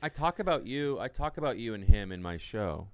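A man chatting casually and at length in a halting, rambling way, often acting out quoted exchanges as he tells anecdotes. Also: fairly low pitch, lively intonation. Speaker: podcast co-host and solo stage performer.

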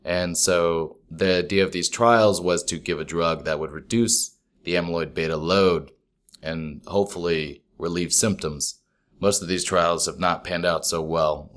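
A man's voice: low voice, a bit bright. A man hosting a podcast, chatting casually and explaining things informally in everyday words. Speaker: podcast host.

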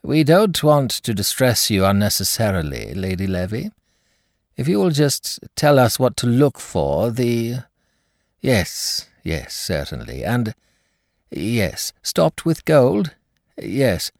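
A cool, detached elderly doctor, read by a male narrator in a voice lifted a little above his own low one, yet swinging widely in pitch. His questions are clipped and clinical, set in a dry, close recording. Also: sing-song, slow pace, no echo.

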